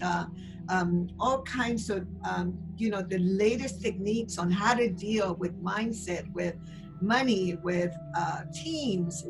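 A woman's voice: medium pitch, poor audio. A woman in her sixties from Chile with a Chilean Spanish accent, answering interview questions with enthusiasm and many fillers. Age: 60s. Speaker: guest.

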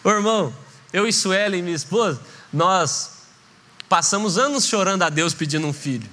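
High-voiced preaching man in echoing church. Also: animated, normal speed, bright, forceful tone. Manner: impassioned preaching, acts out voices in anecdotes. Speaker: pastor. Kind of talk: sermon. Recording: reverberant church hall.

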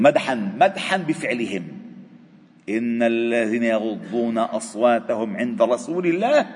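A man with a Lebanese accent teaching a religious lesson in a mosque. He reads a classical text formally and explains it in lively colloquial asides. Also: fairly low pitch. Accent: Lebanese Arabic. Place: mosque prayer hall. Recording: long reverb of a mosque hall.

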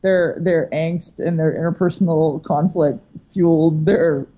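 A woman guest author in a casual chat, making quick wry asides. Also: low-pitched, fairly even intonation, mellow, dull audio. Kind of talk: casual conversation.

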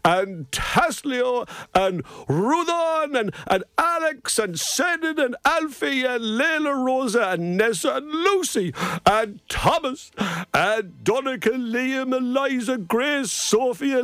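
A man playing a jolly, chatty old Santa Claus on live radio, gasping and exclaiming, then dropping low for warm asides. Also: no echo, heavily acted. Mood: excited. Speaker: studio guest. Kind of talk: live radio banter in character.

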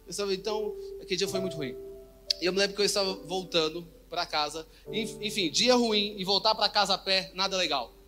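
A man's voice: high voice, a little fast, over music. A young man preaching a testimony sermon, repeating phrases and quizzing the congregation. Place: church hall, indoors.

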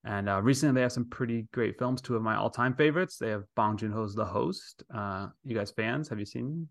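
A man's voice: lowish voice, brisk, creaky, dry recording, clean studio sound. A man hosting a podcast in a casual, chatty style. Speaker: podcast host.

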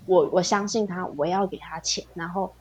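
A woman's voice: fairly low pitch, moderate pace, poor audio. A woman with a Taiwanese Mandarin accent, a podcast guest telling an emotional personal story in casual chat, animating it by acting out what people said. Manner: animated storytelling, acts out quoted dialogue. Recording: faint background noise.

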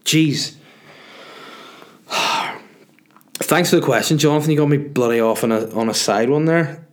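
A man's voice: mid-range voice, a little slow. A man with a sniffly head cold hosting a podcast, chatting casually and bluntly, rambling and swearing as he answers listeners. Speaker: podcast host. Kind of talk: casual solo chat answering listener questions.

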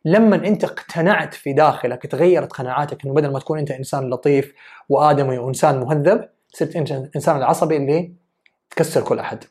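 A woman's voice: sits low, rapid-fire, darkish tone. A woman giving an earnest, emphatic self-development talk. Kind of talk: motivational talk.

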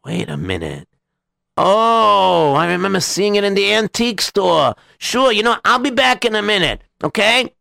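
A flustered, trusting young man, as a storyteller puts him on stammers with many ums and uhs in a raised, bright voice. The sound is close and dry, with some gravel. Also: high-pitched, sing-song, normal speed, no room sound, pitched above the performer's own voice, exaggerated voice. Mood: kindly. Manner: stammering, hesitant.

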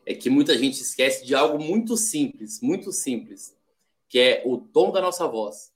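A man's voice: medium pitch, expressive, unhurried. A man from Brazil, a podcast guest in casual chat, explaining ideas step by step and acting out little quoted examples. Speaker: podcast guest, sales development rep.

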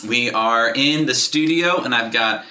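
A man hosting a church podcast, chatty and energetic, laughing often and a little out of breath. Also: medium pitch, a little slow, echoey room, a little hiss or hum. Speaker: podcast host and pastor. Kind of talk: casual chat. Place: church studio.

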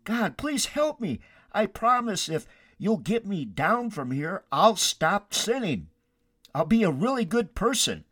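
A man voicing a terrified man hanging from a cliff branch, yelling and pleading frantically. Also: sits high, huge pitch swings, takes it slowly, slightly rough, no room sound, clean studio sound, pitched above the performer's own voice, full character voice. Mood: frantic pleading.

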